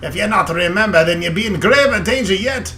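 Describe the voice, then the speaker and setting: A man's voice: sits high, lively intonation, brisk, sharp tone, a little hiss or hum, pitched above the performer's own voice. A man voicing an agitated, wild old ghostly dwarf warrior who speaks in exclamatory, archaic fantasy dialect, for a video game. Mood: grave, urgent.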